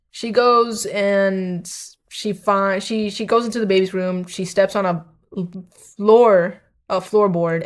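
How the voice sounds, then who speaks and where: Profane, rambling woman. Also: mid-range voice. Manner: profane, rambling, with many restarts. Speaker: video creator. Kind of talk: unscripted casual ramble.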